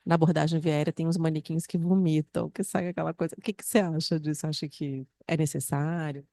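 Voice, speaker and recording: A woman moderating a panel, asking a question slowly. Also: deep voice, steady tone, gravelly, mellow, dry recording.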